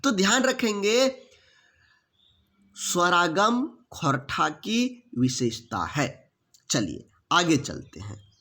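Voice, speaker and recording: A man runs an online exam-prep class, speaking slowly and with care. His voice sits high and bright, and it swings widely as he keeps quizzing his students. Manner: lively, asks the class repeated check questions.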